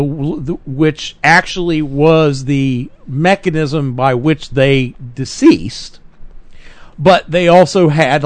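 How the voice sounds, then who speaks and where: A fairly high-pitched man co-hosts a political talk podcast in the manner of talk radio. He's earnest and emphatic, often correcting himself mid-sentence, and the recording is dry.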